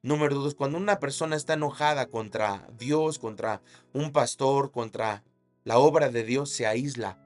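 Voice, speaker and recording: Male preacher, mid-pitched, animated storytelling sermon over faint music. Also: normal speed. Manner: dramatic storytelling preaching, shouted sound effects. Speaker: pastor.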